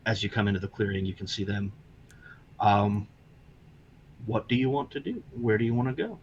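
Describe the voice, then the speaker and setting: A man's voice: fairly low pitch, normal speed. A man narrating a tabletop game as game master, in a loose way with many fillers. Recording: dull lo-fi mic with faint hiss.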